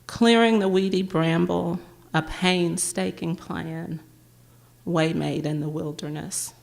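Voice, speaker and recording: A woman reading her own poems aloud at a public library event, with a measured, gentle recitation. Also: lowish voice, fairly even intonation, creaky.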